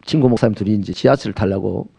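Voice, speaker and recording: A middle-aged man with a Gyeongsang accent, a pastor preaching a sermon in a lively, humorous way and acting out little dialogues. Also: lowish voice, very fast, gravelly, husky. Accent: Gyeongsang Korean.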